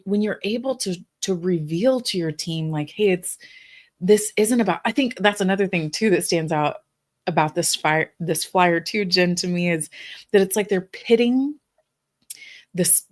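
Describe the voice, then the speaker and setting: A woman co-hosting a business podcast, talking casually with frequent "you know" fillers. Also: fairly low pitch. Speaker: podcast co-host.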